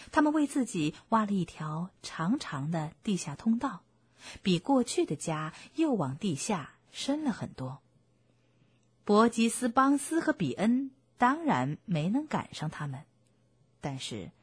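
Husky lady reading a kids' bedtime story, lively voice, dry close sound. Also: mid-range voice, dry recording. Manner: gentle, expressive, animated.

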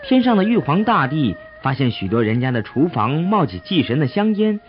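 A man narrating a folk tale in an expressive, dramatic storytelling manner. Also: a little high, brisk. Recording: dull audio with soft music.

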